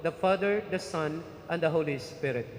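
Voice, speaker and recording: Priest, male, high voice, formal measured blessings, long cathedral echo, faint room hum. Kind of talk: liturgical blessing at a wedding mass. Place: large church. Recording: echoey church hall, faint ambience.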